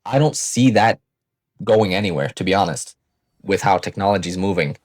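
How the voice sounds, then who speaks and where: A finance vlogger in his early twenties delivers a casual, blunt motivational monologue to viewers, assertive and freely swearing, close to the mic. His voice sits low, expressive and a little mellow, at normal speed on a dry recording.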